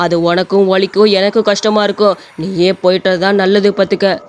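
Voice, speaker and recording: A woman voicing an older male exorcist priest who speaks calmly and firmly. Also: medium pitch, brisk, voice pushed down, natural voice. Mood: stern. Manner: calm, firm, warning.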